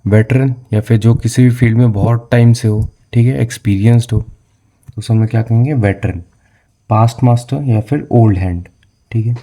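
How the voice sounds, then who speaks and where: A man's voice: mid-range voice, moderate pace, mellow. A young man teaching exam vocabulary, mixing in English terms and often asking a question and then answering it himself. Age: young adult. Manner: asks questions, then answers them; frequent "theek hai na"; mixes English words into his speech. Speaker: vocabulary tutor. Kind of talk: explaining vocabulary for exam prep.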